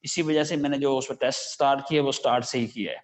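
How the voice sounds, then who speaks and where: A man with a Pakistani accent, teaching an English lesson. He reads the English lines slowly, then explains each one in Urdu with plenty of fillers. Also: mid-range voice, fairly even intonation. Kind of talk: line-by-line lesson translating a story into Urdu. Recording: dull lo-fi recording.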